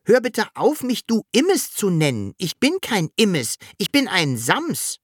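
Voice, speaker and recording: A narrator voicing a cheeky, childlike creature in a storybook reading, in a high, eager voice. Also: very animated, unhurried, a bit bright, no room sound, clean studio sound, heavily acted.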